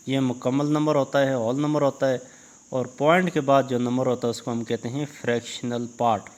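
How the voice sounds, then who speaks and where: A man teaches a basic maths lesson at a steady, patient pace. He walks through each step carefully and keeps turning back to his viewers. His voice sits at a middle pitch.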